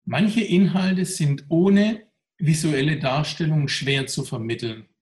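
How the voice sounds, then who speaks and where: A man's voice: on the high side, takes it slowly, darkish tone, roomy sound. Candid man with a pressed, tense voice. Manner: candid, reflective, emphatic. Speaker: mental trainer. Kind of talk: interview answers.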